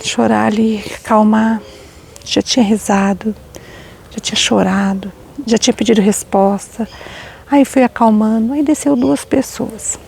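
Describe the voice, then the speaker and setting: A middle-aged woman speaks as a spiritual teacher, addressing her listeners directly with heartfelt emotion. Her voice sits a little high, yet it has a dark, mellow color. A gravelly, breathy texture runs through her telling. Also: steady tone, measured pace, a little hiss or hum. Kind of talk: personal storytelling to an audience.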